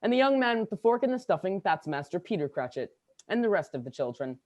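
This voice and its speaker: A jolly giant spirit of Christmas, played by a woman, speaking with big swoops of pitch. The delivery is commanding and theatrical, in the manner of a radio play. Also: big pitch swings, quick pace, darkish tone, lightly acted. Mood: genial, guiding. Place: student performer on a video call.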